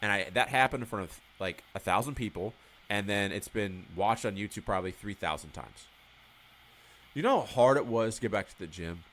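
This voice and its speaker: Low-voiced, lively, swearing man. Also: fairly quick, a little hiss or hum. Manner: candid, swears freely; storytelling with acted-out dialogue. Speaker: podcast guest. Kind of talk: casual interview conversation.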